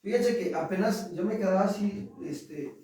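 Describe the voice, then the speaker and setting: Man, Mexican accent, pastor preaching, high voice, very echoey church hall, distant mic. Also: normal speed, mellow. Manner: conversational preaching, rhetorical questions to the congregation. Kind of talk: sermon.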